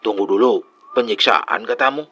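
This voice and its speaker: A man's voice: on the low side, big pitch swings, unhurried, fairly bright tone, muffled recording, soft background music, full character voice. A man voicing a curious grown man who keeps asking questions, in a storytelling dialogue. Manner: inquisitive, questioning. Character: curious adult man, the listener and history fan.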